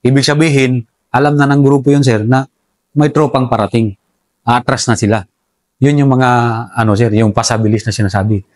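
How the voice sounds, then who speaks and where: A soldier telling how the enemy operated, in a relaxed interview, respectfully calling his listener sir throughout. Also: medium pitch, fairly quick, no echo. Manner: respectful, says "sir" constantly. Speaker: soldier recounting enemy tactics. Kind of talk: casual interview storytelling.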